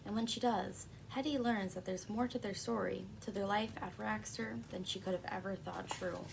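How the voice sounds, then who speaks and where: A woman in a soft-spoken ASMR role-play as a librarian, talking in a hushed, gentle library voice with a creaky edge. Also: medium pitch, fairly even intonation, normal speed, background noise.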